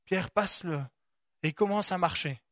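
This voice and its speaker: Preacher, casual sermon, asides to listeners, middling pitch, dry close sound. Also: measured pace, no echo. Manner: lively, conversational, asks listeners to imagine, many asides. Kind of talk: sermon with Bible reading.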